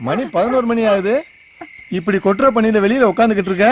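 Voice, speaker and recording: An actor playing a household elder who gently consoles a grieving servant in a film drama, with loud music behind him. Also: male voice, sits high, fast, a little hiss or hum, close to an everyday voice.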